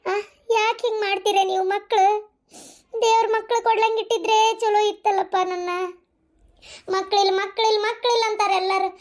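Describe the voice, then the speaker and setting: A woman's voice: very high voice, little pitch movement, brisk, pauses often. A woman voicing a distraught middle-aged village mother in a cartoon, scolding and wailing in a North Karnataka Kannada accent. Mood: lamenting. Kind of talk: cartoon voice acting.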